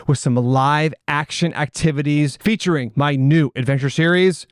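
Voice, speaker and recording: A man's voice: on the high side, normal speed, no room sound. Playful American male educator, enthusiastic and casual kids' promo, close dry sound inside a camper. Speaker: teacher and children's author. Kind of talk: upbeat promo video aimed at schoolchildren. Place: inside a parked or moving RV, road noise mentioned.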